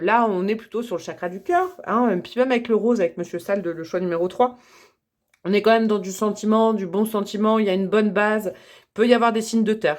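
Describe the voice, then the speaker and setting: A young woman chatting to viewers as she reads tarot and oracle cards, enthusiastic and laughing often. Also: medium pitch. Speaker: tarot reader. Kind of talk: casual tarot reading to camera.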